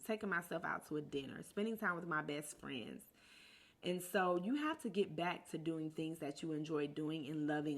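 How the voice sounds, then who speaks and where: A woman hosting a podcast, speaking in an earnest, encouraging monologue rooted in faith, often repeating words for emphasis. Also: deep voice. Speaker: podcast host.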